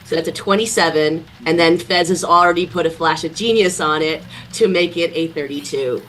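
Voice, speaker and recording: A woman's voice: sits low, brisk, a bit bright, slight background noise, poor audio. Woman player in casual game chat.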